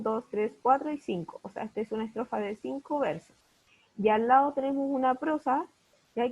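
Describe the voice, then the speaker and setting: A woman's voice: a little high, a little mellow, breathy edge, lo-fi sound. A woman teaching an online primary school class, patiently checking understanding with repeated questions. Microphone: video call.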